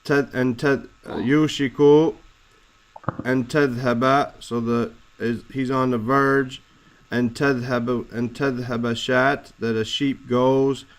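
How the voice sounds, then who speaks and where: A man teaching a lesson, explaining Arabic words slowly and deliberately, spelling out letters and roots. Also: mid-range voice, flat delivery, poor audio. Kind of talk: classroom explanation of Arabic text.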